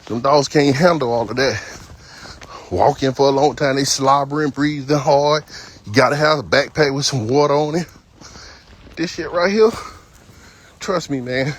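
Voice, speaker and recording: A dog trainer in his fifties chats casually while walking his dog along an outdoor trail. His medium-pitched voice moves at a moderate pace with long pauses, and he's talkative and blunt, spinning folksy stories.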